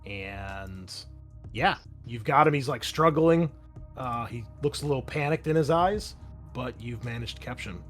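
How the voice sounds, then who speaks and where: Acting as game master for a tabletop roleplaying game, a man narrates in a conversational, explanatory way. His medium-pitched voice is animated, a bit bright, and a little slow, with background music running behind it.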